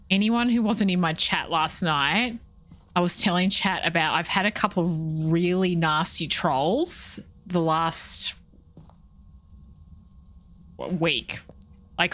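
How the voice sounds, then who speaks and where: A woman's voice: lowish voice, fairly bright tone. A young woman chatting casually while streaming a game, rambling and breaking off mid-thought. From Australia. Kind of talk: casual chat while gaming live.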